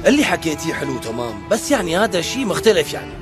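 A man's voice: on the high side, very animated, quick pace, over music. A dubbing actor playing an indignant man, lecturing his sister. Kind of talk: dubbed TV drama acting.

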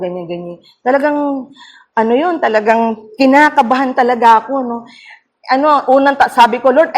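A middle-aged woman pastor preaches a devotional sermon to her congregation. She talks in an earnest storytelling way, keeps turning to her listeners for agreement, and her voice sits at an ordinary middle pitch. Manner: earnest storytelling, mixing English phrases, frequent "no?" tags. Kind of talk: devotional sermon at a prayer meeting.

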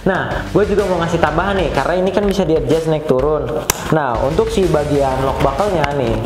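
A young man giving a casual, slangy, enthusiastic product review to camera on a lapel mic. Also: fairly quick. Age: young adult. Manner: chatty, slangy, enthusiastic pitch. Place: studio with plain blue backdrop. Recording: roomy studio echo with music bed. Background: background music.

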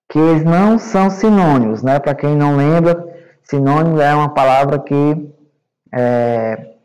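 A Brazilian male English teacher giving a recorded online class to young students, explaining slowly and patiently and checking understanding often. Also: fairly high pitch, darkish tone, rough recording. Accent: Brazilian Portuguese. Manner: repeats words and checks with "né?" and "certo?".

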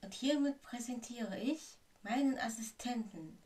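Show-off male wizard teacher voiced by a woman, loud grand delivery, little off-mic. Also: fairly high pitch, expressive, measured pace, far from the mic, voice pushed up. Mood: boastful.

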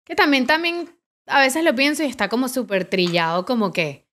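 A woman speaks as a guest in a casual chat, her voice pitched fairly high. She is candid and blunt, sarcastic, and stretches her words out. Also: sing-song, normal speed, a bit bright. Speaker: guest, adult performer and comedian.

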